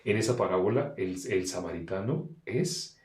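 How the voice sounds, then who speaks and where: A man preaching a sermon, emphatic, asking questions and answering them himself, swinging between loud and soft. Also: sits low, animated, moderate pace, roomy sound.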